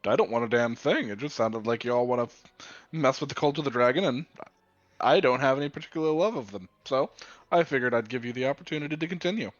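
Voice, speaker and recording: Man as a sly male fixer, nonchalant, teasing, very animated intonation, tabletop role-play, dry muffled sound with music. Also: mid-range voice, fast talker, no echo, natural voice. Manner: casual, teasing, evasive.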